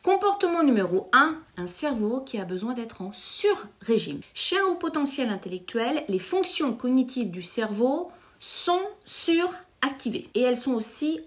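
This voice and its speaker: A middle-aged French woman, a psychotherapist, hosting an emphatic direct-to-camera explainer and addressing viewers directly. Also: fairly high pitch. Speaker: psychotherapist and YouTube host.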